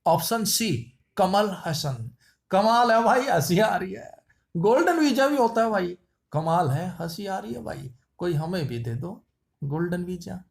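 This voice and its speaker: A man's voice: high voice, expressive, a little slow, gravelly. A man teaching general-knowledge quiz answers with playful wordplay and repetition. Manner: playful wordplay, repeats lines. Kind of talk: memory-trick quiz lesson.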